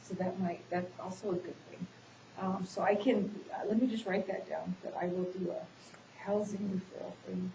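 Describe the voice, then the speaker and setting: Here she is again in the practice counseling session: a congested woman playing the counselor, fairly low-pitched, steady and moderately paced, with a creaky, warm quality. Her speech is full of ums and restarts, and the audio is dull, hissy and echoey.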